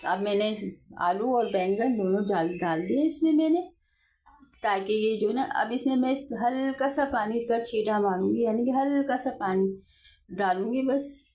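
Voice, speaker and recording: A woman's voice: fairly high pitch, unhurried, warm tone. A woman with an Urdu-speaking Pakistani accent, hosting a home cooking video from her kitchen, talking in a homely, chatty way and often correcting herself mid-sentence. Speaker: home cooking channel host. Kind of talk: chatty step-by-step cooking demo.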